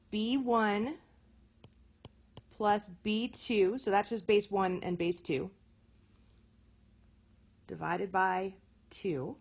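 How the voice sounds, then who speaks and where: A woman teaching a recorded math lesson. She talks in a chatty way, often corrects herself and checks in with "okay?". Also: mid-range voice.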